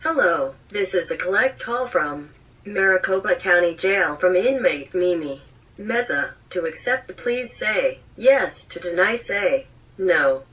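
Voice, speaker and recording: A woman's recorded operator voice giving a scripted collect-call announcement over a payphone line, read in a flat, measured way. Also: fairly low pitch. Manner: flat, measured prompt reading. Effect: recorded phone message heard over a payphone call line. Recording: muffled, distant phone line.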